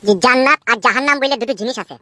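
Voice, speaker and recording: A woman's voice: sits high, racing, pushed and bright, no room sound. A woman voicing an earnest brooding young man. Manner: earnest, preachy, rambling. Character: young uneducated man brooding on life's meaning.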